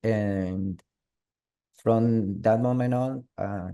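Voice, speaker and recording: A low-voiced man with a Venezuelan Spanish accent speaks over a video call. His tone is very dark, and he hesitates, repeating words and restarting his sentences. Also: creaky. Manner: halting, with many restarts and fillers. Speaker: guest. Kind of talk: online interview.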